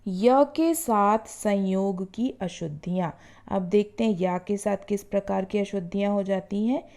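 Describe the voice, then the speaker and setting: A woman teacher walks schoolchildren through common spelling errors, slowly drawing out each example word and pausing to check they follow. Her voice is mellow and warm, at a middle pitch. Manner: drawn-out demonstration of words, frequent "है ना" and "ठीक है"; addresses the students directly as children. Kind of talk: classroom lesson explaining spelling errors.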